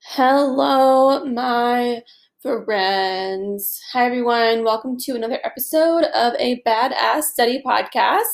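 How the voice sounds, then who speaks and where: A woman's voice: fairly high pitch, steady tone, slow pace, vocal fry. Stuffy-nosed woman hosting a study podcast. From Atlanta, US South. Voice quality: nasal. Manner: upbeat and chatty, laughs easily. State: stuffy, congested. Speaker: podcast host. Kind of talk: casual study podcast lesson.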